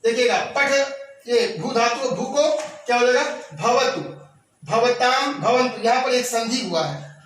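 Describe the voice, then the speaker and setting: A man teaching a classroom grammar lesson, reciting verb forms slowly and explaining each step. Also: very high-pitched, fairly bright tone. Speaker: Sanskrit teacher. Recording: echoey room, voice from a distance.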